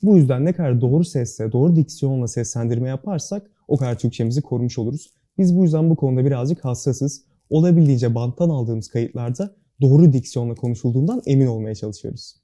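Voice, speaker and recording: A man's voice: medium pitch, fast talker, hardly any pauses, dark tone. A young man answering interview questions as a student club guest, speaking with careful, precise diction in an earnest, formal manner. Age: young adult.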